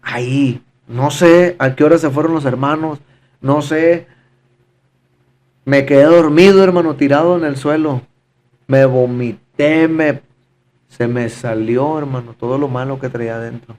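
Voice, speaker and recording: A man's voice: mid-range voice, a little slow, darkish tone. A man giving a fervent, repetitive personal testimony in conversation, often calling his listener brother. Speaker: podcast guest giving testimony.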